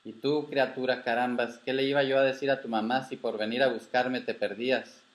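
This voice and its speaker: A man's voice: medium pitch, little pitch movement, a little fast, close to an everyday voice. A man reading a story and voicing a stubborn, affectionate old grandfather rancher who talks in a folksy, insistent way.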